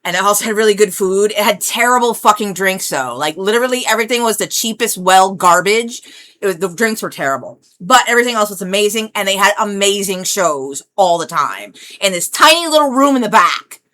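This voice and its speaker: Brash, foul-mouthed woman with a bright voice. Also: mid-range voice, animated, fairly quick. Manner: brash, profane, rambling. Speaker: vlogger. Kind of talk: casual monologue.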